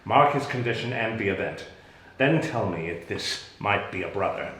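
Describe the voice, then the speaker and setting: A man playing a bitter, commanding exiled duke and father in a theatrical, halting, deliberate Shakespearean reading. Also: fairly low pitch, lively intonation, a bit bright, slight background noise. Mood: grave, resentful. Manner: theatrical, halting, deliberate delivery with sudden emphatic rises. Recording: echoey room.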